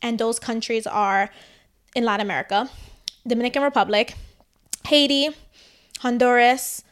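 At a moderate pace and slightly high pitch, a podcast co-host chats casually, peppering her animated opinions with plenty of "like."

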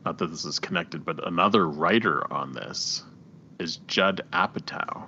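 A man's voice: low voice, moderate pace, creaky, pushed and bright, dull audio, a little hiss or hum. A man co-hosting a casual movie discussion, enthusiastic and laughing often as he recounts scenes. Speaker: podcast co-host.

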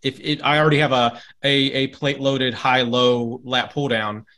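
A slightly tipsy man in a casual hobbyist chat, rambling and halting as he searches for words and swearing freely. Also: medium pitch, fairly even intonation, pushed and bright. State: a little tipsy. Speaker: home gym roundtable panelist.

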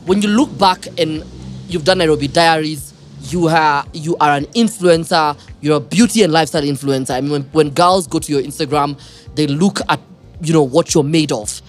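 A man's voice: a little high, moderate pace, soft background music. A man hosting a podcast interview, chatty and teasing, often laughing. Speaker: podcast host. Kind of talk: casual interview chat.

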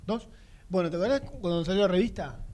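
Chatty Argentine man with a higher voice. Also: animated, quick pace, darkish tone. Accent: Argentine Spanish. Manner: rambling, chatty, often trails off. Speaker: radio sports host. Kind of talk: casual chat.

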